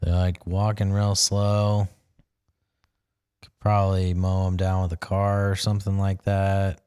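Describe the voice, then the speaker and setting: A young man co-hosting a podcast in casual chat, blunt and quick to swear. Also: low voice, completely flat delivery, warm tone, smooth, no echo, studio quality. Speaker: podcast co-host.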